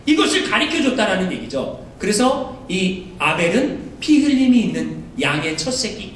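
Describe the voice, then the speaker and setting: A man preaching a sermon to a congregation, asking them rhetorical questions and acting out pleading prayers. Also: a bit bright. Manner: acts out prayers in a raised, pleading voice. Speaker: pastor. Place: church sanctuary. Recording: echoey church hall from far off, faint rumble.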